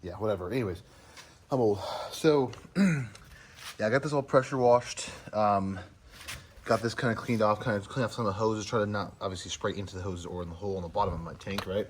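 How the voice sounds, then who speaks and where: Low-pitched man, casual DIY truck vlog, rambling with fillers, faint outdoor noise. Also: brisk. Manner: rambling, filler-heavy, clears throat often. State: out of breath. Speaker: truck vlogger.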